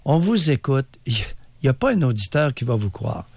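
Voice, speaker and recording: On a call-in radio show, a male host with a Québécois French accent grills a caller bluntly and sarcastically. His mid-range voice has a darkish tone and swings widely in pitch at a normal speed, with no echo.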